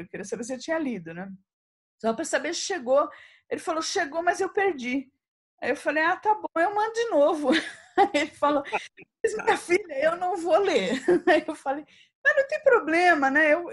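A woman poet recounting anecdotes in an interview with a high, bright-pitched voice. She acts out both sides of conversations and laughs often as she tells them. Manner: lively anecdotes, acting out dialogue, frequent laughter. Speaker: poet and writer, interview guest. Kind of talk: animated storytelling in an interview.

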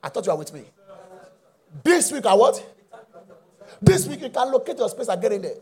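Pastor, very high voice, husky, call-and-response sermon, shouting bursts. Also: male voice, sing-song, very fast.

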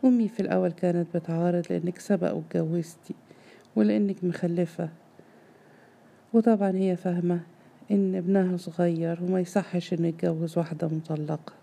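A calm young man, earnest and soft-spoken, choosing his words with care, as a woman reads him aloud. His tone is dark and a little gravelly. He sounds apologetic and patient. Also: lowish voice. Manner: gentle, apologetic, measured.

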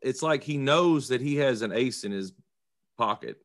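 A man's voice: medium pitch, expressive, moderate pace, a bit bright. A man co-hosting a casual faith podcast, earnestly retelling a story with hesitations. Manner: earnest, retells stories with acted quotes. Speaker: podcast co-host.

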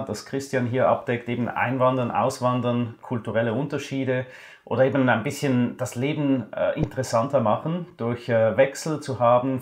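A man, a guest in a podcast interview, telling his story at a relaxed pace with many hesitations. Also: medium pitch. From Switzerland. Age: 40s. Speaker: guest, finance blogger.

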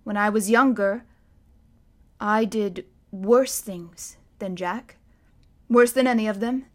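A grave, weary ancient guardian, as a woman reading a storybook puts him on. He speaks in slow, measured sentences. There is a formal, solemn weight to every line. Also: medium pitch, steady tone, close to an everyday voice.

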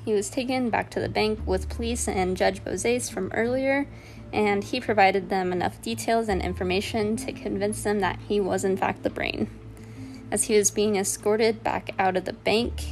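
A woman's voice: medium pitch, vocal fry. A young woman hosting a podcast, narrating a true-crime story from a script and breaking off for her own asides. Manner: reads a script with personal asides. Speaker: podcast host.

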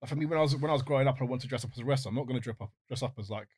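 A man's voice: mid-range voice, racing, a little mellow, slightly rough, no room sound. A man chatting casually and explaining, repeating words as he forms his thoughts. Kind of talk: casual chat.

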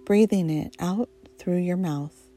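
A woman guiding a relaxation meditation in a soft, soothing, hypnotist-like voice, leaving long pauses between short phrases. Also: fairly low pitch, slight background noise. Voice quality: soft, mellow. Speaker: guided meditation narrator.

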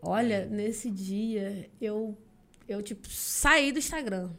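This young Brazilian singer, a podcast guest, takes her story slowly in a mid-range voice, keeping it casual and animated while acting out the voices of those she quotes.

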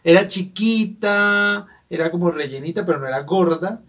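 A man's voice: high-pitched, normal speed, a bit bright. A man in casual chat, telling childhood stories in a playful, joking way.

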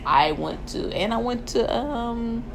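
A young woman, co-hosting a casual podcast. She is laid-back, trails off and drops low at the ends of phrases. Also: expressive, takes it slowly, a little hiss or hum. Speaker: podcast co-host. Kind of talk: casual chat.

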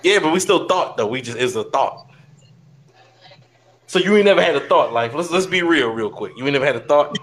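A man co-hosting a podcast in casual banter, teasing his friends in quick, slangy talk. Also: a little high, lively intonation, a little hiss or hum. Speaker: podcast co-host.

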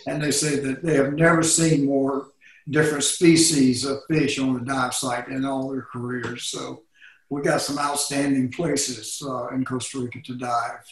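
A man's voice: medium pitch, unhurried. Man in a very echoey room. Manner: relaxed, rambling with fillers and restarts. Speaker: dive operator. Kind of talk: casual interview answers.

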